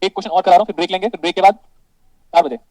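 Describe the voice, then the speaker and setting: A man with an Indian accent teaching electronics in a classroom, mixing Hindi and English. He calls his students "beta", checks often whether things are clear and jokes with them. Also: high-pitched, fairly even intonation, racing, darkish tone, dry recording, poor audio.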